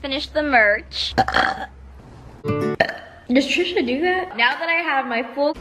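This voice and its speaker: A woman's voice: high-pitched, expressive, slow, music in the background. A woman vlogger chatting casually to the camera, often burping between sentences. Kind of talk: casual vlog chat.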